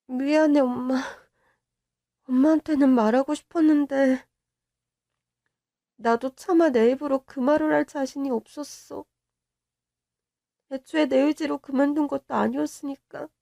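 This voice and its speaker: A young woman playing a newlywed daughter who quietly and resignedly tells her mother what she went through, in a Korean-style radio-drama story reading. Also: high voice, steady tone, measured pace, gravelly, long pauses, dry recording, studio quality. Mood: hurt, resigned. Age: young adult. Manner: quiet, resigned confessional telling. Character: young wife confiding to her mother, hurt and subdued.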